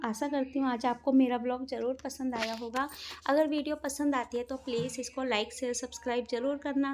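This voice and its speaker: A middle-aged woman with a slightly hoarse, sore throat, narrating her family vlog in a chatty, rambling way with many fillers. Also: high voice, darkish tone. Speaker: vlogger. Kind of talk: casual voice-over narration.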